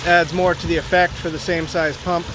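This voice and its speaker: Recorded on a handheld phone camera with noise behind him, this water feature installer talks at a normal speed in a fairly high, flat voice. He narrates a practical, no-frills inspection of a backyard stream outdoors, thinking out loud as he goes.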